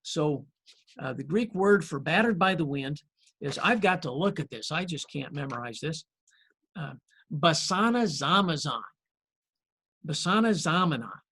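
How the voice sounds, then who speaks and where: Guy pastor preaching casual, folksy stories, little jokes, kinda high voice, lots of uh's. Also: expressive, husky. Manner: folksy storytelling with gentle humor; friendly and unhurried, with frequent "uh" pauses. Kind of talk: conversational sermon.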